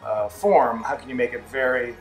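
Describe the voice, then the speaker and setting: A middle-aged man talks thoughtfully and haltingly in an interview. The room is echoey, with faint music underneath. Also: mid-range voice. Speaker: ventriloquist being interviewed. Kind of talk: reflective interview chat. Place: small theatre dressing room.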